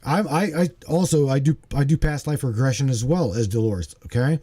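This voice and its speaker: A man in his forties hosts a casual livestream in a mellow, warm voice. He talks animatedly and emphatically. He repeats himself and keeps checking in with his listener. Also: medium pitch, a little fast. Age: 40s. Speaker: host.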